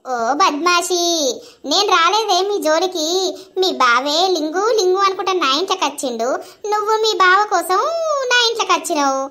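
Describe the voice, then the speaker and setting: A woman voicing a brash, foul-mouthed village rival woman with a Telangana Telugu accent, hurling drawn-out insults. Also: very high-pitched, expressive, sharp tone, heavily acted. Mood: insulting.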